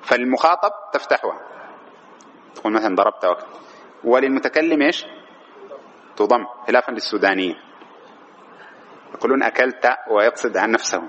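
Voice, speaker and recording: A man's voice: mid-range voice, expressive, fairly quick, long pauses, fairly bright tone. A man teaching an Arabic grammar lesson, quizzing students with rhetorical questions. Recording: dull lo-fi classroom recording with faint noise.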